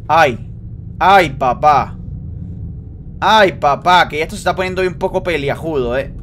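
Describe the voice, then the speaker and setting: A man commentating a horror game for his viewers, joking and teasing, dropping to hushed suspense and then bursting into shrieks. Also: a little high, a little slow, a little hiss or hum. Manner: swings between hushed suspense and sudden loud shrieks. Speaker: gaming youtuber. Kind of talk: excited let's-play commentary.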